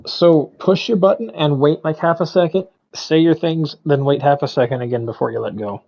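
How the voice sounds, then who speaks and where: A man in casual voice-call chat as a tabletop game player, relaxed and hesitant, adding spoken sound effects. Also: fairly high pitch, a little fast, creaky. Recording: dull lo-fi mic.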